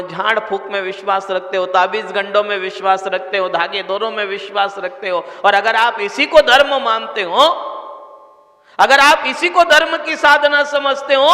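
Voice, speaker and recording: A man's voice: very high voice, bright, forceful tone. A man preaching a sermon, addressing the audience earnestly and directly. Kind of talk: Hindi sermon. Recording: echoey hall with long reverb.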